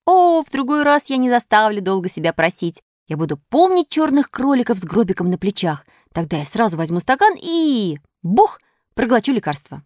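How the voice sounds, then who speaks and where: A woman's voice: big pitch swings, normal speed, darkish tone, no echo, studio quality. A woman voicing a stubborn wooden puppet boy who whines and pleads in a storybook reading. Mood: cheerful. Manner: whining, pleading, shrill.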